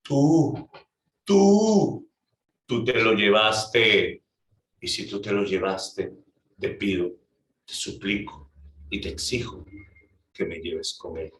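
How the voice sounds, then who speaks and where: A man's voice: on the low side, lively intonation, takes it slowly, pauses often, a bit bright, heavily acted. A man voicing a young woman in despair over her dead love, with pleading, rising cries. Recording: roomy, distant mic.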